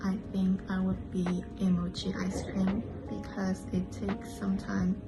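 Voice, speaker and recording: A twenty-one-year-old woman introduces herself in a soft-spoken, straightforward way. Her middle-pitched voice sits over steady background music. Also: takes it slowly, low-quality recording. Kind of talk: casual self-introduction.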